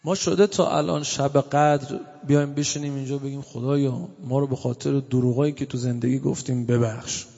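A male cleric giving a sermon in a mosque hall, alternating loud exclamations with soft, drawn-out recitations. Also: mid-range voice, steady tone, vocal fry. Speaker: cleric preacher. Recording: dull recording with long reverb.

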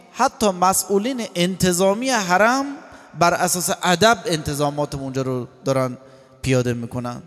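A man giving a lively religious lecture, quoting scripture and acting out short dialogues. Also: fairly high pitch. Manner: animated, acts out voices and quotes scripture. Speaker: cleric. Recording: long hall reverb.

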